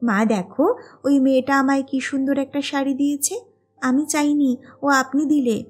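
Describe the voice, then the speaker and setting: A woman storyteller voicing a simple, childlike grown young woman who speaks slowly in a plaintive, raised voice. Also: sits high, steady tone, faint music behind, pitched above the performer's own voice, lightly acted. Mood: delighted.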